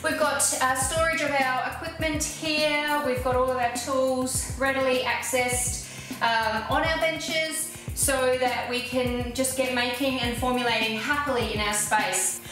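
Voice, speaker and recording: A woman's voice: high-pitched, steady tone, measured pace. A woman in her forties with an Australian accent, giving an upbeat, practical guided tour of her cosmetic lab and talking straight to the viewer. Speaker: cosmetic chemistry educator. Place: small commercial lab with steel benches, indoors. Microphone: lapel mic. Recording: echoey lab room with background music.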